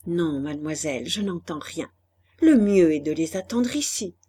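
A woman voicing a gentle, earnest young man in a storybook reading, with a soft, hesitant way of replying. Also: low-pitched, lively intonation, moderate pace, breathy edge, pitched below the performer's own voice.

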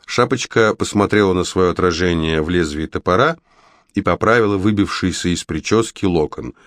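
A man narrating a children's fantasy audiobook in a lively storytelling manner. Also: deep voice, moderate pace, dry recording, clean studio sound.

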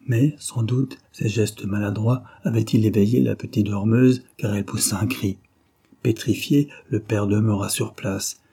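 Male audiobook narrator, measured, dramatic, dark mellow voice. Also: on the low side, fairly even intonation, creaky, slightly rough. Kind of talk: scripted narration of a novel.

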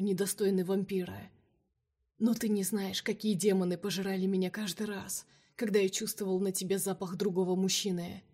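A woman voicing a cunning male vampire king held captive, speaking softly and coaxingly in a storybook reading. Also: medium pitch, lightly acted. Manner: soft, velvety, coaxing.

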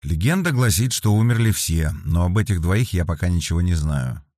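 A calm, thoughtful male detective, as a man reads him in an audiobook, laying out facts in a measured, steady way. His voice is deep and close. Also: dry recording. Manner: measured, explaining.

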